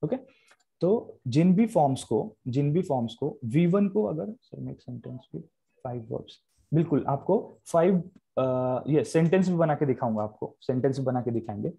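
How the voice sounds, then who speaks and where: Hindi-speaking male grammar teacher, dark voice. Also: fairly high pitch, lively intonation, unhurried, vocal fry, slightly rough. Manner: explains in Hindi mixed with English, repeats key terms. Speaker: online English grammar teacher. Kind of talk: live online lecture.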